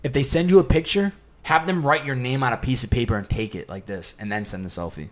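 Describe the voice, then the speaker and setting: A man on a podcast, a rideshare driver telling an anecdote in a relaxed way and acting out what people said. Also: medium pitch, fast talker. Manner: animated storyteller who acts out quotes. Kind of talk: casual storytelling chat.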